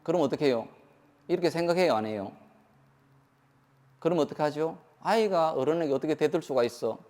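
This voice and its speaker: Korean monk preaching in a reverberant hall. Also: male voice, a little high, a little fast, a little mellow. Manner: asks the audience questions, acts out quoted lines. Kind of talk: sermon.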